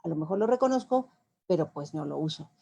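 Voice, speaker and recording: A middle-aged Mexican woman, a linguist, giving an explanatory talk in a conversational way, pausing on fillers as she answers audience questions. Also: sits low, expressive, gravelly, dark tone, a little hiss or hum. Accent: Mexican Spanish. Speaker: guest lecturer, linguist.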